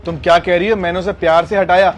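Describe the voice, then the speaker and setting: A man's voice: high voice, steady tone, quick pace, faint music behind, close to an everyday voice. A man acting as a stern tutor who scolds a mother and daughter in a short drama skit. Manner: scolding, lecturing. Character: stern, moralizing male tutor. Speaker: tuition teacher.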